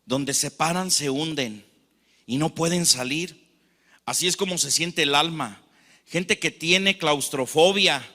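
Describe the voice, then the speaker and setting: Brief: male Mexican preacher, storytelling sermon delivery, fairly high voice, long hall echo. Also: slow pace, pushed and bright. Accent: Mexican Spanish. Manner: storytelling preacher acting out anecdotes. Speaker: pastor.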